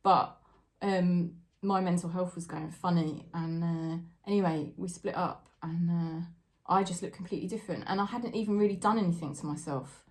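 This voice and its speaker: A woman's voice: on the low side, moderate pace, hardly any pauses. A woman giving a daily tarot reading to camera, talking in a chatty, heartfelt way about spirit guides and loved ones. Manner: chatty and warm-hearted, tearful and laughing at times. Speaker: tarot reader.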